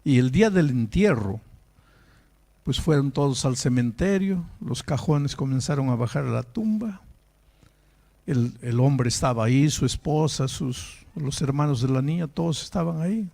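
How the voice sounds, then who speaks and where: A man's voice: mid-range voice, expressive, moderate pace, gravelly, dark tone. A male pastor preaching in a dramatic storytelling manner, acting out the voices in his story and building to emotional peaks. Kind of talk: sermon storytelling.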